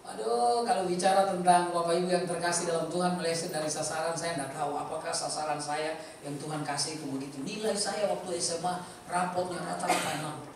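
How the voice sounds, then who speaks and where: Man, preacher, sermon, animated loud and soft swings, echoey hall, distant mic. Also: fairly high pitch, a little fast, background noise. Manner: animated, swinging between loud bursts and quiet asides. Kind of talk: sermon with Bible reading. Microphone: handheld mic from a distance.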